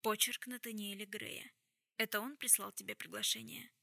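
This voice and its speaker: A woman's voice: medium pitch, steady tone, moderate pace, creaky, pushed and bright, dry recording, clean studio sound. A woman reading an audiobook, voicing a stern, composed woman who speaks in a cold, level way.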